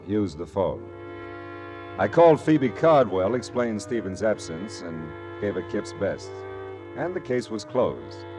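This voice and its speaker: A man with a fairly low voice acts in a radio drama as a dry, terse, jaded private eye, both narrating and exchanging lines of dialogue.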